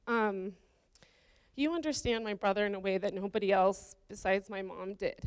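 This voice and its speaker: The groom's sister gives a heartfelt wedding toast, welcoming her brother's bride into the family in a slow, careful manner. Her voice is a little high, clear and resonant, with no echo.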